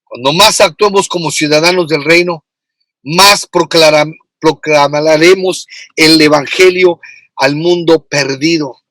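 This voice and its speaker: Bright-voiced Mexican pastor preaching. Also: male voice, a little high, unhurried, dry recording. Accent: Mexican Spanish. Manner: emphatic repetition. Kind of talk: sermon.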